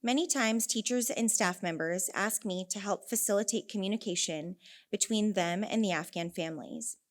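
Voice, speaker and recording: A young woman from Northern California, an elementary teacher, speaks at normal speed in a medium-pitched voice with a California accent. Her prepared conference talk is earnest and built around stories, with wry asides along the way.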